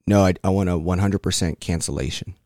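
A man calling customer service, speaking firmly and tersely with deliberate wording. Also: low voice, dark tone, no echo, studio quality. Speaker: customer caller. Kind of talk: phone call to customer service.

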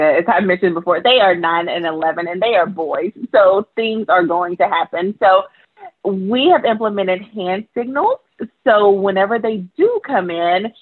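A working mother telling stories as a podcast guest on a call, animated and laughing easily. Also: on the low side. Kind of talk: casual interview talk. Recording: phone-like call audio.

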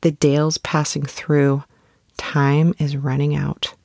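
Woman playing a low, slow, sorrowful prophetess. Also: flat delivery, vocal fry, a little mellow, no room sound, clean studio sound, full character voice. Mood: sorrowful, ominous. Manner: grave, measured, portentous. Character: solemn, sorrowful prophetess nun foretelling doom. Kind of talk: dramatic audio drama monologue.

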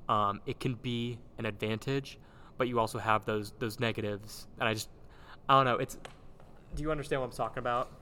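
A man hosting a casual chat in a halting, circling way, recorded in a large old gym with big-hall echo. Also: medium pitch, steady tone, bright, forceful tone. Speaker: podcast host and theater director. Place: large old gymnasium used as a theater, indoors. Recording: roomy big-hall echo, background noise.

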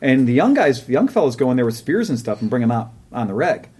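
A man's voice: mid-range voice, sing-song, fast, darkish tone, husky. A man co-hosting a casual podcast, telling a profane travel story and laughing often. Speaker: podcast co-host. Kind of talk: casual chat.

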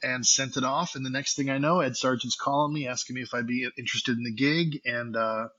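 Sax player guy from florida rambling through a story, husky and bright, kinda muffled audio. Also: mid-range voice, brisk. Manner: rambling, animated, acts out quoted phone calls. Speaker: interview guest, saxophonist. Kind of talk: casual storytelling interview. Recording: dull lo-fi audio.

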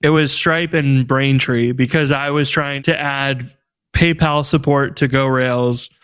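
A man co-hosting a casual tech podcast, telling stories in an animated, exasperated way. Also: medium pitch, unhurried, clean tone. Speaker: podcast co-host.

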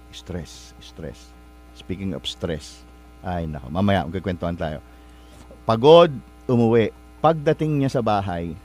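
A male host tells a motivational story at a middle pitch. He speaks politely to his listeners, rambling a little and stopping to find words or fix what he just said. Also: darkish tone. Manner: polite, addresses listeners with respectful particles; rambling, searches for words and corrects himself.

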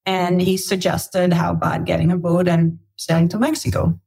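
A woman's voice: on the low side, flat delivery, normal speed, creaky, warm tone, breathy edge. A middle-aged woman from Belgium, a podcast guest, telling her travel story in a chatty way with laughs and restarts. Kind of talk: casual interview storytelling.

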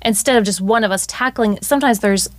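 A woman's voice: medium pitch, a little fast, no echo. A woman who co-hosts a parenting podcast as a counselor, speaking casually and often chiming in with agreeing murmurs. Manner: warm affirming, frequent agreeing murmurs. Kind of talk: casual conversation.

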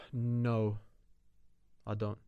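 A man's voice: fairly low pitch, monotone, very slow, mellow, clean tone, no echo. A young man with a London roadman accent, blunt and opinionated, using street slang in casual podcast chat. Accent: London, urban street slang (roadman).

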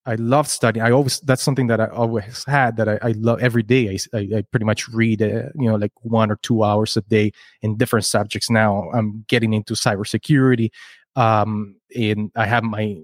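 Fairly low and quick, with little pitch movement, this man's voice is recorded at studio quality with no room sound. He's a podcast guest and entrepreneur from Chile, a native Spanish speaker, telling his story in a casual interview, earnestly rambling and restarting words often.

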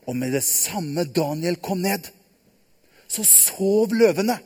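High-voiced man telling a children's story. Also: slightly rough. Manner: lively, asks the children questions. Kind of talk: live Bible story for children. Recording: long hall reverb.

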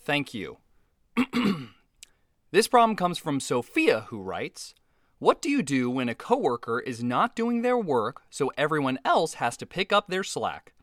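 A man hosting an advice show with an earnest, eager manner. His voice sits a little high and moves a lot in pitch. The recording is dry and close. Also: huge pitch swings, unhurried, fairly bright tone, no room sound. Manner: earnest, exasperated, eager to please. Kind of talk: comedic sketch hosting.

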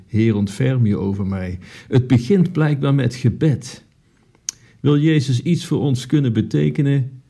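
A man's voice: mid-range voice, vocal fry, dark tone. A man, a priest, preaching a sermon in an earnest way, asking his listeners rhetorical questions.

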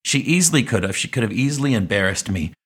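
A man's voice: lowish voice, lively intonation, fast talker, a bit bright, husky. A man in his late forties telling childhood stories as a podcast host, reflective and rambling with asides. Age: 40s. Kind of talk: personal storytelling monologue.

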